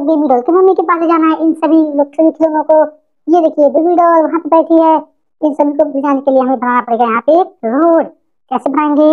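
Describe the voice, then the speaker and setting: High-pitched lady playing with toy trucks for kids, lots of oohs, muffled lo-fi sound. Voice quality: exclaiming, sing-song, cooing at toys. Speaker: toy video narrator. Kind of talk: playful narration of toy play for children. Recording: dull lo-fi sound.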